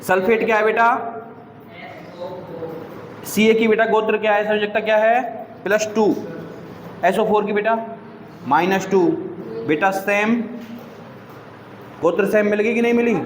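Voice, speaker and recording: A male teacher, quizzing students with repeated questions as he explains a chemistry lesson. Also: high-pitched. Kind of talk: classroom teaching in Hindi. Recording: echoey room with long reverb.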